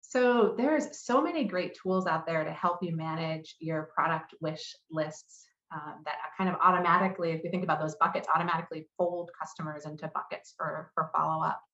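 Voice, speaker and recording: Her voice is deep and fairly bright, and she talks a little fast with few pauses while presenting and answering questions as a conference's head of customer marketing. The audio is roomy and slightly muffled.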